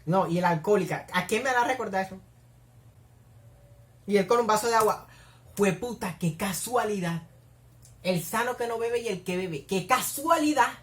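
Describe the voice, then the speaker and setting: A woman's voice: medium pitch, moderate pace, long pauses. A young woman with a Colombian accent doing casual reaction commentary at home, gushing and squealing as she watches. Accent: Colombian Spanish. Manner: effusive, squeals and gushes. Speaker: reaction video host. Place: home room.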